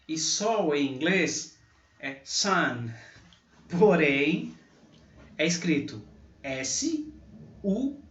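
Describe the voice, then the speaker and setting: A male teacher gives an unhurried pronunciation lesson at a slow, deliberate pace. He repeats each example word louder and clearer than the talk around it. The sound is dull and roomy, as if picked up from some distance. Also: on the high side. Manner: repeats example words slowly and loudly. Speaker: English teacher. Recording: echoey, distant, dull mic.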